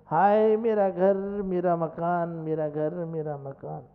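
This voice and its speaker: Man voicing a grieving older merchant, loud wails, high voice, echoey hall, dull lo-fi sound. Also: steady tone, a little slow, clear, resonant tone. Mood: wailing. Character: wealthy old male merchant wailing over his house.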